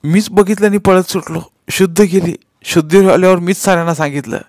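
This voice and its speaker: A man's voice: high-pitched, fairly quick, darkish tone, no echo, clean studio sound, pitched above the performer's own voice, natural voice. A man reading a storybook aloud, voicing a frightened young village boy who sobs, stammers and pleads. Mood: sobbing.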